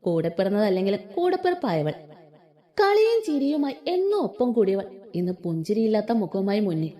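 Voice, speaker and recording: A woman narrates a romance story, giving each character in the dialogue a voice of their own. Her tone is mellow and warm, set fairly high, and her pitch rises and falls in a lively way from line to line.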